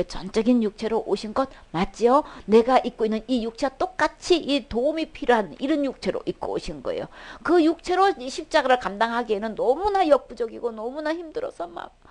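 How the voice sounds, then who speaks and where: A woman's voice: on the high side, a little mellow. A woman with a Seoul Korean accent preaching a sermon, emphatic, often asking the congregation questions and using many fillers.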